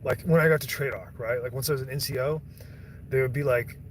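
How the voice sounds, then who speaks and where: A young man rambles and swears through casual chat on a stream, talking fast in a mid-range voice. He keeps breaking off and restarting his sentences, with slight background noise behind him.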